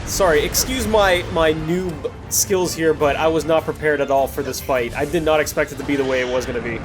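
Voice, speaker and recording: A man comments casually on gameplay footage in his video, digressive and apologetic, often doubling back to earlier points. His slightly high voice moves fairly quickly, and music plays underneath.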